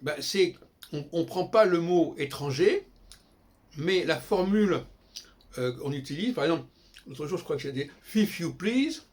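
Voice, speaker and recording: A man's voice: on the high side, lively intonation, moderate pace, pauses often, a little mellow. An older man giving a casual, digressive spoken lecture, often breaking off and restarting his sentences. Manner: digressive, self-interrupting, frequent restarts. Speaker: host.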